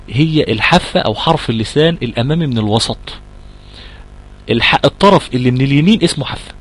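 A man with an Egyptian accent teaching Quran recitation, patiently explaining and repeating points and sounding out letters slowly as he answers student questions. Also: mid-range voice, husky, low-quality recording. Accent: Egyptian Arabic.

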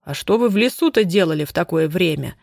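A narrator voicing a gruff older man, a driver who grumbles loudly. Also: mid-range voice, lively intonation, fast, dry recording, studio quality. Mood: grumbling.

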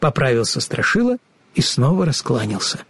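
A man narrating a children's fairy tale audiobook in an expressive storytelling manner. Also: medium pitch, moderate pace, breathy edge, no echo.

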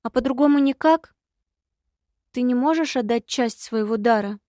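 A woman voicing a spirited young heroine in an audiobook, brisk and insistent. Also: a little high, mellow, dry recording, studio quality, close to an everyday voice. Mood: pressing.

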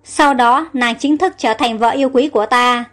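A tender young prince speaking lovingly to his bride, as a woman storyteller puts him on. The voice stays high and courtly, with faint music behind. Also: moderate pace, a bit bright, natural voice. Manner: affectionate, courtly.

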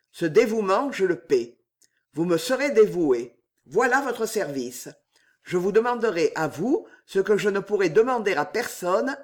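A man reading an audiobook, voicing a scheming newlywed gentleman who speaks in a smooth, confident, persuasive way. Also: high-pitched.

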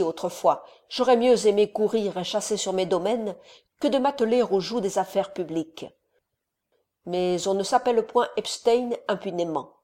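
Stern scheming old count read by a woman, slow and solemn, coaxing his son. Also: mid-range voice, dark tone, natural voice. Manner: measured, solemn, persuasive. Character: scheming aristocratic father, older male count, stern.

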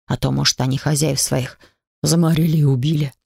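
A woman's voice: deep voice, steady tone, brisk, gravelly, darkish tone, breathy edge, dry recording, clean studio sound, pitched below the performer's own voice, exaggerated voice. A woman voicing a bossy, boastful male familiar who teases and gives advice. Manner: teasing, bossy.

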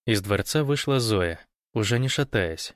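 A man narrating an audiobook in an even, measured way. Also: on the low side, no room sound, clean studio sound. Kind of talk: scripted narration.

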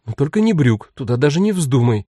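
A man voicing a middle-aged mother who speaks low, firm and steady. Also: brisk, no room sound.

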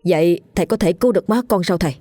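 A woman's voice: on the low side, racing, mellow, no room sound, soft background music, close to an everyday voice. A woman voicing a poor young wife who begs humbly and urgently. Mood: pleading. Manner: begging, tearful pleading.

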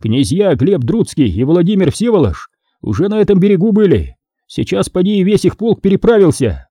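A man's voice: high voice, big pitch swings, moderate pace, warm tone, slightly rough, no echo, studio quality, pitched above the performer's own voice, heavily acted. A man voicing a medieval warrior reporting news to a comrade. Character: male medieval warrior riding to war.

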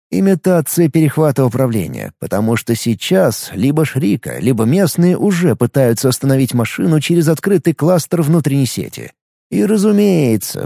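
A man narrating an audiobook in an expressive, vivid way, close to the mic. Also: a little high, creaky, dry recording. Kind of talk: scripted narration.

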